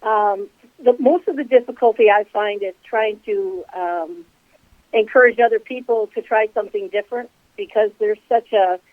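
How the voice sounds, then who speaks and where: A woman in her sixties, a commercial realtor and business co-founder, talking in an interview in a measured, unhurried way with many fillers. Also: mid-range voice, no echo. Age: 60s. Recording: tinny phone line, dry.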